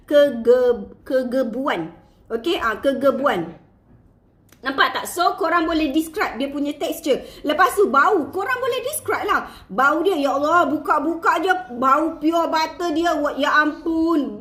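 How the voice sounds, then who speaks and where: In an echoey room, a Malaysian woman with a high-pitched, fairly bright voice gives her sales team casual, playful marketing tips. An online seller coaching her staff, she mixes in English words and laughs often.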